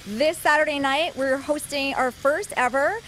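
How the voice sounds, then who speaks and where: A woman's voice: sits high, moderate pace, fairly bright tone, soft background music. A woman event organizer talking outdoors, enthusiastic, with some fillers.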